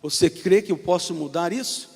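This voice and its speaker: A man voicing God as a calm, measured, commanding male voice, in a reverberant church hall. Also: high-pitched, vocal fry, voice pushed down.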